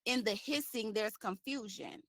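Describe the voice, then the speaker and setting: A woman's voice: fairly high pitch, measured pace, a bit bright, no echo. A woman coach giving an informal devotional talk to women, conversational and preachy, often checking in with "right?". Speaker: faith-based women's coach.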